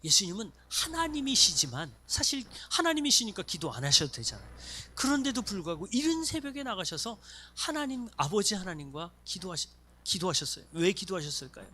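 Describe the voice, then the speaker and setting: A man's voice: sits high, fairly quick. A man preaching as pastor of a church, acting out little voices of people in his stories. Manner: animated, acts out voices of congregants and students. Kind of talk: sermon. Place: church sanctuary.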